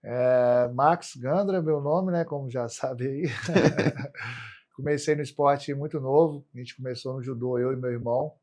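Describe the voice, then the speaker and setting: A man's voice: mid-range voice, unhurried, darkish tone. A Brazilian man, an athlete being interviewed as a podcast guest, talks colloquially about himself, often adding tags seeking agreement. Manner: colloquial, frequent tag questions seeking agreement. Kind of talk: casual interview storytelling.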